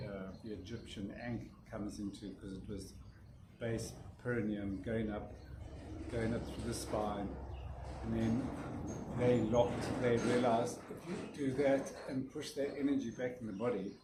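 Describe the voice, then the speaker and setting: A man's voice: lowish voice, steady tone, unhurried. A man casually demonstrating a breathing exercise, often restarting his sentences and yawning. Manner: rambling, restarts sentences, yawns. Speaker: breathwork teacher. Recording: roomy echo with faint noise.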